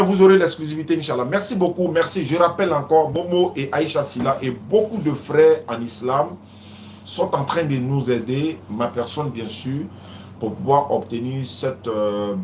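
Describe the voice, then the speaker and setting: A man's voice: mid-range voice, normal speed, a little mellow, roomy sound, a little hiss or hum. A man hosting a live religious call-in, talking casually, repeating himself and often calling out to silent callers. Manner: repeats phrases, keeps saying "Inch'Allah" and "Allô?".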